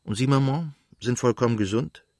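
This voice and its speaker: A man's voice: mid-range voice, moderate pace, dark tone, no echo, clean studio sound, close to an everyday voice. A man voicing a young aristocratic officer who speaks politely and coolly in a literary audiobook. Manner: polite, cool, restrained.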